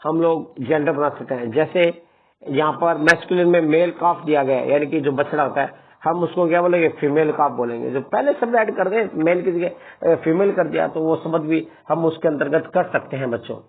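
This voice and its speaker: Guy teacher going through grammar word lists for kids, keeps checking they follow, kinda high voice, sounds tinny like a phone. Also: normal speed, slightly rough. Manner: talks to students as children, adds "है ना" as a tag after words. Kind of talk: classroom grammar lesson.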